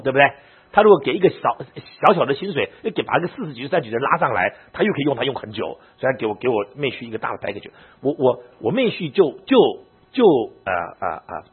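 Male pastor telling a story in a sermon, really raspy voice, pitch jumps all over, tinny phone-like sound. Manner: animated, emotional storytelling to an audience. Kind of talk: personal story told in a sermon. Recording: narrow phone-like audio.

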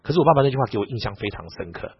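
Male preacher telling stories, lively pitch swings, husky tone, dull lo-fi recording. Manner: animated, quick, retells dialogue with lively asides. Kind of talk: storytelling sermon.

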